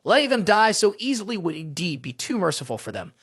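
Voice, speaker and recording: A vengeful middle-aged sect elder from a fantasy story recap, cold and commanding as he plots, as a man voices him, with a high, lively pitch. The sound is dry and close. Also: fast, breathy edge, no echo, exaggerated voice.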